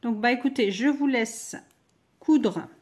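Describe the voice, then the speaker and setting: A woman's voice: a little high, takes it slowly, a little mellow. A middle-aged woman hosting a crochet tutorial, chatting with viewers as she works. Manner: chatty, talks to viewers while working. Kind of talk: crochet doll-clothes tutorial.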